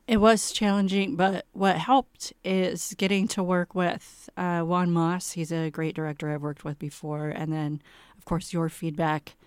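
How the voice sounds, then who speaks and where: Smooth-voiced woman playwright, candid and wry. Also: fairly low pitch, steady tone, a little slow, dry recording, studio quality. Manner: candid, self-deprecating, laughs easily. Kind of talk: interview conversation.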